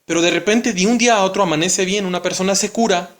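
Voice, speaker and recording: A man's voice: high-pitched, quick pace, fairly bright tone. A man teaching a lesson, explaining patiently step by step and often checking in with the listener. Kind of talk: recorded classroom lesson.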